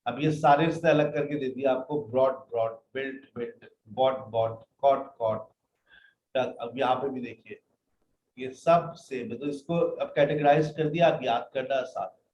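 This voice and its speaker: A man's voice: mid-range voice, steady tone, unhurried, darkish tone, a little hiss or hum. A man teaching an online English class, patiently reading out word lists and calling his students "beta". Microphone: computer mic in a live video class. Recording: roomy, dull online class audio.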